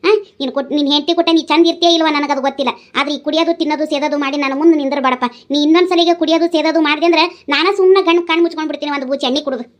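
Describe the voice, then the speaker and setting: A woman's voice: high-pitched, steady tone, racing, few pauses, natural voice. A woman voicing an older widowed village mother who scolds and pleads with her drinking son, in a North Karnataka Kannada accent. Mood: scolding. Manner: nagging, pleading, tearful.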